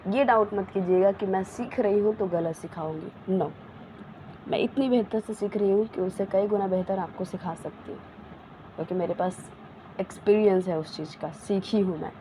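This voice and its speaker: A woman with an Indian accent teaching spoken English in a casual lesson, mixing chatty asides with slowly drawn-out example sentences. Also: medium pitch, warm tone, slight background noise, poor audio.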